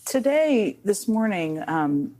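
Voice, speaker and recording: A woman news anchor narrating a report and interviewing guests, emotional and halting at times. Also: medium pitch, sing-song, warm tone. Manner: emotional, halting with repeated starts.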